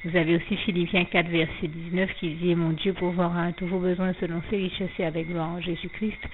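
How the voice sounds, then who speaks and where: A woman tells her faith story anonymously in a lowish voice that barely moves in pitch. She speaks slowly, with a slight frog in her throat, frequently pausing, filling gaps and restarting, while the thin, tinny phone-line sound carries faint noise.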